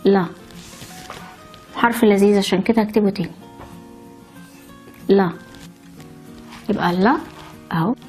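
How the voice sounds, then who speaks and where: A woman's voice: mid-range voice, unhurried, long pauses, darkish tone, soft background music. A woman with an Egyptian Arabic accent teaches how to write letters. She explains step by step and cheerfully adds chatty stories along the way. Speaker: language teacher. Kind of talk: handwriting lesson with chatty asides.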